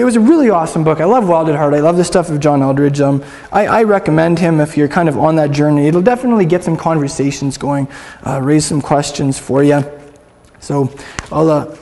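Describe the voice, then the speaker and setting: A man gives a casual, interactive Bible teaching, chatty and upbeat, getting listeners to repeat words after him. His fairly high voice is a little mellow and is surrounded by a long, echoing room reverb.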